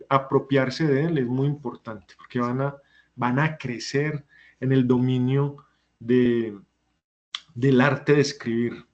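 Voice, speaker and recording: A man's voice: medium pitch, a little mellow, dull audio. A man teaching a class who explains step by step and puts questions to his students. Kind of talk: online class lecture.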